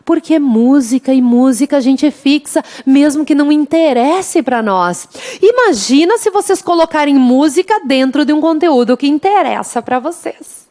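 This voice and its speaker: Her voice is high and animated, moving at a moderate pace. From the interior of Rio Grande do Sul, this Brazilian woman runs a playful, talkative online prep class for law exams, addressing students fondly as "gente" and singing a samba to help them memorize.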